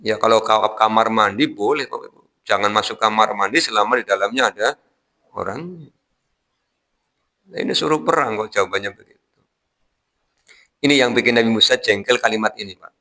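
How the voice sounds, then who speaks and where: A male preacher with a Javanese accent and a bright, forceful tone delivers a morning Quran lecture. He works through Arabic verses phrase by phrase, drops in homely jokes, and turns to address the congregation directly. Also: lowish voice, brisk, pauses often. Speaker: Islamic preacher.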